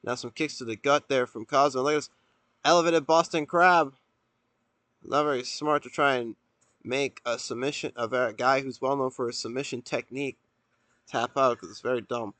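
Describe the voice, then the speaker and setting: A man doing play-by-play as a wrestling commentator, with an excitable delivery. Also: mid-range voice, normal speed, no echo. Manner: excitable, erupts into shouting at big moves.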